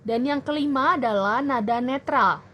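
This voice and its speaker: A young woman tutoring children in a language lesson, explaining clearly and patiently. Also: sits high, pushed and bright, slight background noise. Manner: slow, clear teacherly explaining. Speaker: Mandarin tutor.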